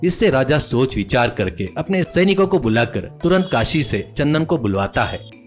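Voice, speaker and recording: A man narrating a moral story in an animated storytelling manner. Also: mid-range voice, normal speed, soft background music.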